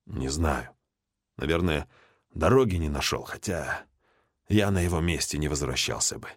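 A man voicing a calm, guarded survivor who speaks quietly and low. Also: normal speed, dry recording, clean studio sound, heavily acted. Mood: hushed.

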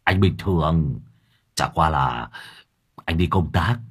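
A man voicing a scruffy, broke middle-aged male vagrant who stammers and pleads in a hushed tone. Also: a bass voice, expressive, takes it slowly, breathy edge, voice pushed down, exaggerated voice. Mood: sheepish pleading.

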